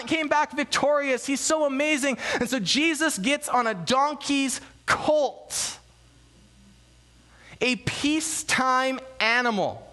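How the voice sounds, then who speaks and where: High-voiced man preaching a lively sermon. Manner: animated storytelling, acting out crowd voices; hushed low prayer. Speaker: pastor.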